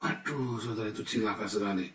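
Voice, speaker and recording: A middle-aged male pastor, preaching a sermon and swinging from soft, low asides to loud, emphatic bursts. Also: quick pace. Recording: roomy sound from a distance.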